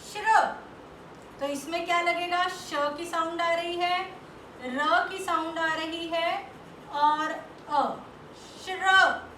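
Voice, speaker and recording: A woman teacher with a high, bright voice takes a young class through letter sounds. She speaks slowly and patiently and stretches each syllable. The recording is echoey, with a faint hum of room noise behind her. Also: fairly even intonation. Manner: slow, patient, asks questions and answers them herself. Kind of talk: Hindi lesson for young children.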